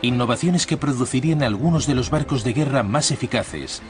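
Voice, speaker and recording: A man giving a scripted documentary voice-over with a measured, formal delivery, recorded on a studio mic. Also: medium pitch, over music. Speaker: documentary narrator.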